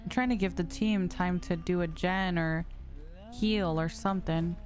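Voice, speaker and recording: A streamer in her late twenties plays a game while casually chatting with viewers, reading their messages aloud and answering them over background music. Her voice is on the low side, with fairly even intonation and an unhurried pace.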